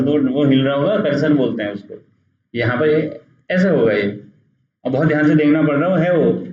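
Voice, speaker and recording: A man teaches a beginners' computer lesson in a patient, repetitive way, pointing things out on screen. His voice sits a little high. The recording is roomy and dull, like a cheap mic in a bare room. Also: darkish tone. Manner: patient, repeats "dekho" while pointing things out. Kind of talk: screen-recorded software tutorial.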